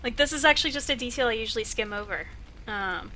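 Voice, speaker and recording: A woman's voice: on the high side, animated, fast talker, bright, forceful tone, slight background noise. A woman doing casual, playful let's play commentary, chatting away and reading dialogue choices aloud. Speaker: let's player.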